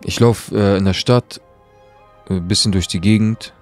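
A young man telling a story in a casual, slangy monologue, swinging between loud outbursts and hushed asides. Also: fairly low pitch, fairly even intonation, unhurried, soft background music.

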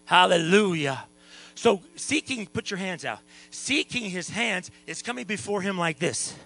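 Male pastor, high gravelly voice, preaches soft then shouts, mains hum under it. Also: expressive, unhurried, rough recording. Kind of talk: revival sermon. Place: church sanctuary.

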